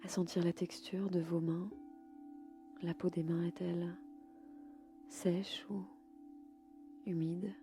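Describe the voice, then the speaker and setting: A woman leading a guided yoga nidra sleep meditation in a slow, soft and soothing way. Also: on the low side, little pitch movement, soft background music.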